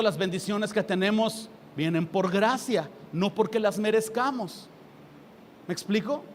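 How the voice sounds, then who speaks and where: High-voiced Mexican preacher in a hall. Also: male voice. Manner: lively preaching with sarcastic asides and acted quotes. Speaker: pastor. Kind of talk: sermon. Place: church hall. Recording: reverberant hall with faint ambient noise.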